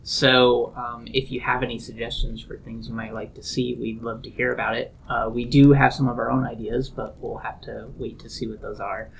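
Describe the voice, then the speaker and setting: A man's voice: mid-range voice, level tone, normal speed, gravelly, hardly any pauses, husky, rough recording. A man co-hosting a casual podcast, speaking hesitantly with many fillers. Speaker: podcast co-host.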